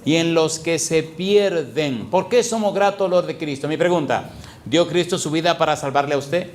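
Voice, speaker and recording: A man's voice: fairly high pitch, moderate pace, slight background noise. A middle-aged man preaching a sermon as a pastor, asking the congregation question after question and playing with sound words.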